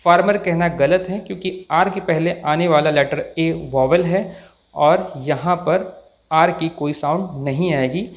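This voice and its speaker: A male teacher explains English pronunciation rules in Hindi at an unhurried, careful pace. His voice sits slightly high, and he repeats example words slowly to show the contrast. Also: muffled recording. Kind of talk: slow, deliberate explanatory lesson.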